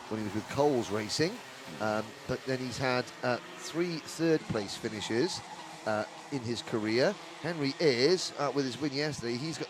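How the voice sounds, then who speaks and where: A man commentating live on motorsport, with chatty, jokey, rambling asides. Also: medium pitch. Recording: outdoor trackside with clear engine noise.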